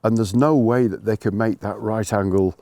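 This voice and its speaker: A man's voice: fairly low pitch, fairly even intonation, normal speed, warm tone, dry recording. A man working as a ski instructor, explaining things informally to learners in an emphatic way, rephrasing and repeating his points.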